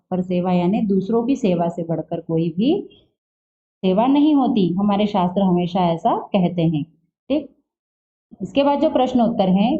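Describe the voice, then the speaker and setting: A woman teaching a school Hindi lesson, patiently asking questions and answering them herself, spelling words out slowly, on a dull lo-fi recording. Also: medium pitch, dark tone. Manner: patient, asks and answers her own questions. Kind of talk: classroom lesson walkthrough. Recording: dull lo-fi sound.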